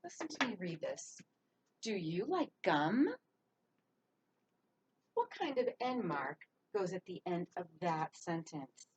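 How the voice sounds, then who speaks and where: A woman teaching young children to read sentences and write letters, speaking clearly and encouragingly, drawing out her words. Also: fairly low pitch, sing-song, normal speed, hardly any pauses, a little hiss or hum. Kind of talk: early reading and handwriting lesson for young children.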